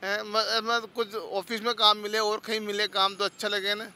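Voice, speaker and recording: A man's voice: high-pitched, flat delivery, moderate pace, bright, forceful tone. A man interviewed on a city street, complaining at length and listing rising prices. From Rajasthan, India. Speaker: street interviewee, day laborer.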